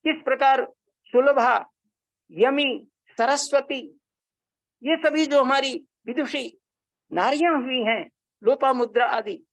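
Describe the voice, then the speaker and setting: A man's voice: extremely high pitch, creaky, no echo, poor audio. A man, a Vedic scholar, giving a religious discourse, telling old stories earnestly and chanting Sanskrit verses. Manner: storytelling, earnest and devotional.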